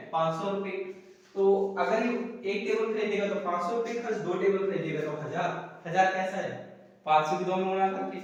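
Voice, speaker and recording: A man teaches economics in a lecture, asking questions and then answering them himself, repeating the key terms. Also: high voice. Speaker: economics tutor. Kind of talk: whiteboard lecture. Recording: echoey room, distant mic.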